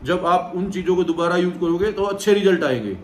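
A man's voice: sits high, quick pace, slight background noise. Roomy-sounding man explaining a diet plan. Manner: direct, repeats "theek hai" to check in with viewers. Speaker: gym trainer. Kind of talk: casual instructional vlog. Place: indoor room, seated on a sofa. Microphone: far camera, no visible mic. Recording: echoey room, mic set back.

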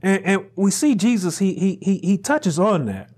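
A middle-aged man preaching a sermon at a pulpit in a small chapel, building to shouted emphasis and repeating his phrases. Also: high voice, expressive, moderate pace, breathy edge. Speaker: pastor. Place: small chapel room indoors, standing at a pulpit. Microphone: lapel mic.

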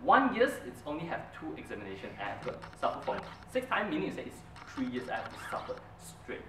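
A young adult man from Brunei, whose first language is Mandarin, gives a prepared club speech, telling his story earnestly with an animated, emphatic delivery and a lively rising-and-falling voice that is a little high and fast. A far camera picks him up in a medium-sized indoor meeting hall, with a steady hiss of room noise behind him.

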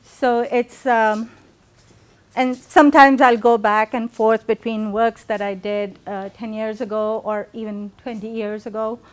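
A middle-aged woman from Pakistan, an artist giving a reflective gallery talk with many pauses and fillers, filmed from a distance in a large gallery room. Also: a little high, flat delivery, clear, resonant tone.

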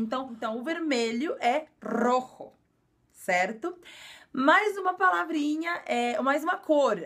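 High-voiced Brazilian woman teaching. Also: a bit bright. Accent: Brazilian Portuguese. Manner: explains slowly and repeats words, frequent filler "é". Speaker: language teacher. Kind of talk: casual video lesson.

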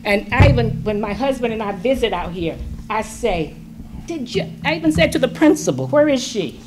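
Speaking slowly is not her style here; this middle-aged public commenter talks at a moderate pace, her fairly high voice swinging widely in pitch as she pleads earnestly with the school board, leaning on words. The standing mic sits at a distance in a large school meeting room, and the poor audio has music underneath.

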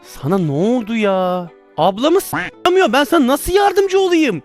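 A man's voice: very high voice, huge pitch swings, normal speed, soft background music. A man playing a virtual reality doctor game, commenting casually and exclaiming and laughing at his own mistakes. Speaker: VR gameplay streamer.

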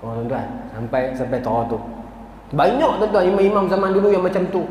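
A man's voice: high-pitched, a little fast, a little hiss or hum. Malay guy with a northern accent telling religious stories to a crowd, really echoey hall, long reverb. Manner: animated storyteller, acts out quoted voices, addresses audience directly. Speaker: religious lecturer. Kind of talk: storytelling religious lecture.

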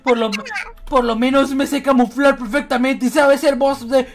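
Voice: sits high, flat delivery, normal speed, slight background noise. A gamer improvising a comic roleplay, muttering asides and exclaiming dramatically.

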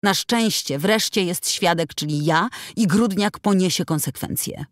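An indignant, outspoken working woman, as a female audiobook reader puts her on, raised and heated, pressing every accusation hard. Her talk swings widely in pitch and goes up in force. It comes from a close mic in a dry studio, with no room sound behind it. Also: animated, normal speed, no room sound, close to an everyday voice. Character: indignant middle-aged woman worker, outspoken. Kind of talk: audiobook dialogue reading.

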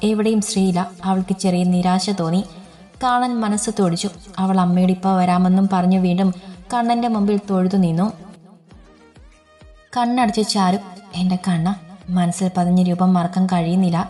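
A woman narrating a romance story in a steady, gentle storytelling manner. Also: medium pitch. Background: faint music.

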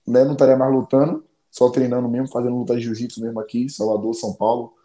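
A man's voice: medium pitch, level tone, quick pace, mellow. Man, 30s, casual interview, rambling, repetitive, roomy echo. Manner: rambling, repeats phrases, slangy. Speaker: interview guest, MMA fighter.

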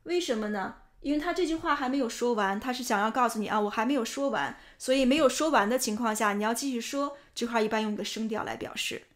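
A woman teaching English pronunciation and grammar, explaining points patiently and clearly. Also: on the high side, quick pace, few pauses. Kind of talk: explanatory lesson narration.

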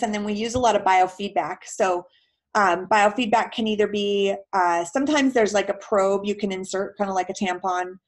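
In a laid-back Q&A conversation, a female physical therapist chats away, dropping plenty of fillers and homespun analogies. Her voice sits at a medium pitch.

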